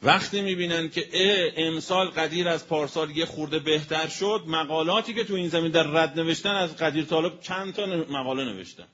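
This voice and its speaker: A man giving a colloquial religious sermon as a preacher. He spells out word meanings slowly and with emphasis, then speeds up. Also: on the high side, a bit bright. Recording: dull lo-fi recording with faint noise.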